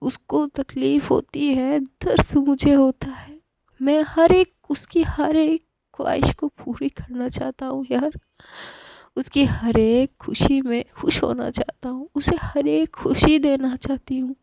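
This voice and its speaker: A woman's voice: high voice, steady tone, takes it slowly, vocal fry, dark tone, no echo, heavily acted. A woman voicing a heartbroken young woman who speaks in raised, tearful outbursts in a storybook reading. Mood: anguished. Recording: dull lo-fi dry recording.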